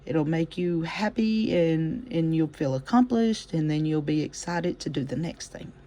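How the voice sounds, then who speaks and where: A crochet teacher with a mellow, warm voice walks through stitches in a relaxed, chatty way. The phrasing is folksy and homespun, full of gentle encouragement. Each step gets spoken aloud as the hands work. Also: mid-range voice, unhurried, a little hiss or hum. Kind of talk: casual step-by-step craft demonstration.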